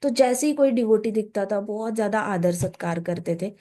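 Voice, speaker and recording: A woman's voice: mid-range voice, normal speed, mellow. A woman giving a conversational scripture talk as a devotional speaker, often mixing in English phrases.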